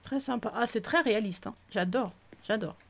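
A woman's voice: on the high side, moderate pace, creaky. Gushing, exclamatory French woman streamer. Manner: gushing, exclamatory, often drops to a near whisper. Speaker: gaming video host touring viewers' islands. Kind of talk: casual gameplay commentary. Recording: faint music behind.

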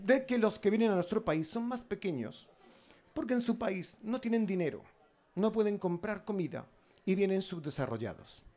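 A man's voice: sits high, animated, moderate pace, a little mellow, voice pushed up. A man voicing an indignant know-it-all young woman who insists and repeats her denials.

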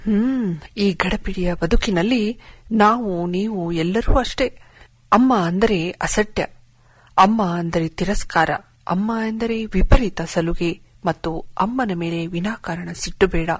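A woman's voice: mid-range voice, no room sound. A woman narrating a story, speaking directly and heartfelt to her listeners.

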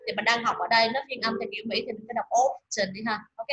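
A woman teaching pronunciation, drilling words aloud and repeating each one slowly. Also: a little high, level tone, sharp tone, rough recording. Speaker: English teacher. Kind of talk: pronunciation lesson.

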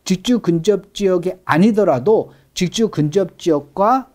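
A man's voice: sits high, expressive, a little slow, a little mellow. A middle-aged man, a real estate expert guest, explaining things in an interview with emphatic stress on key words.

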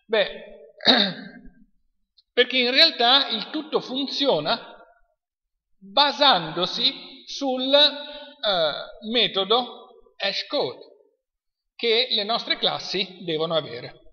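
A man's voice: very high voice, animated, very slow, pauses often, pushed and bright. A man with an Italian accent giving a university lecture, chatty and quizzing the class. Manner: chatty, asks the class questions. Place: lecture hall. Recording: dull lo-fi sound in a reverberant hall.

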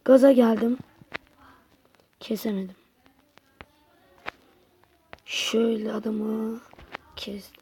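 A woman's voice: fairly high pitch, fairly even intonation, slow, pauses often, warm tone, a little hiss or hum. A woman giving casual gameplay commentary to her viewers, grumbling and exasperated as she plays. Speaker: gaming channel host.

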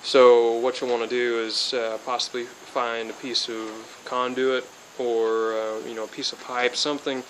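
A man in his twenties, a DIY hobbyist slightly spacey from being sick, explains a how-to casually beside a car outdoors and then under a metal-roofed shed. His mid-range voice keeps a measured pace with few pauses, and his flat, rambling delivery is full of fillers and restarts. It's a rough recording with slight background noise.

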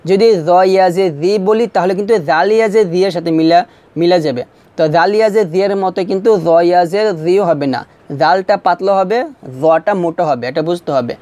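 A man teaching Quran reading, spelling out syllables one at a time and drawing out whole words slowly so learners can repeat them. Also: high-pitched, a little mellow, dry recording. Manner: patient, repetitive explaining. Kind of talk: recorded recitation lesson.

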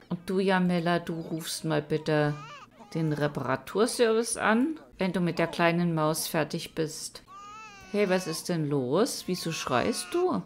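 Woman, low voice, casual gameplay commentary, chatty, talks to her characters. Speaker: let's-play host.

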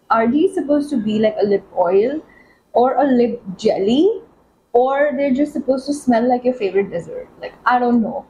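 A woman talking through a makeup tutorial as a beauty vlogger, chatty and excitable, with many fillers. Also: on the high side, slight background noise, rough recording. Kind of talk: casual makeup tutorial chat.

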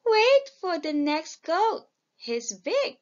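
A woman voicing a tiny, timid young billy goat with a squeaky, pleading voice. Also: big pitch swings, takes it slowly, highs cut off, full character voice.

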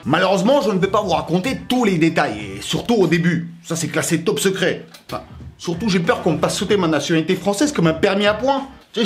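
Animated young man with a Russian accent. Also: high voice. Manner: joking, animated, slangy asides. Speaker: YouTuber. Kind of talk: personal storytelling vlog.

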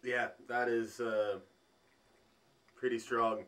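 Brief: male food vlogger, unhurried, halting thinking-aloud delivery. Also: mid-range voice, level tone, fairly bright tone. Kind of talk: food tasting vlog.

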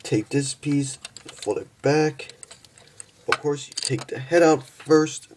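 A young man casually reviewing and transforming a toy figure, halting and stumbling over his words, tired from just waking up. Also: a little high, background noise. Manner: halting, stumbles and restarts often.

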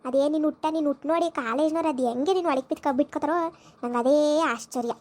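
A woman doing a fierce village mother in a comedy skit, high-pitched and rattling off scoldings at speed. Her voice is dark in tone and full of sharp rebukes. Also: natural voice. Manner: scolding, shouting insults, rapid-fire.

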